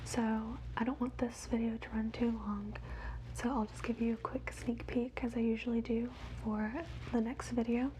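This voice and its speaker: A woman whispers wildlife facts in a soft, measured ASMR reading, as quietly as someone watching animals. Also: fairly high pitch, flat delivery, a little hiss or hum. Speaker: ASMR host.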